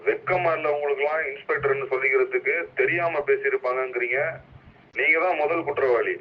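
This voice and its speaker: A man's voice: mid-range voice, fairly even intonation, fairly quick. A man speaking as a senior police officer over a police radio, stern and scolding as he gives orders. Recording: muffled police radio with loud static.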